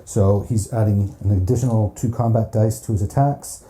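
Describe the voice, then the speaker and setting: A man's voice: fairly low pitch, steady tone, normal speed, mellow. A man narrating a solo board game campaign, counting dice aloud in a chatty, self-mocking way. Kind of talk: casual play-through narration.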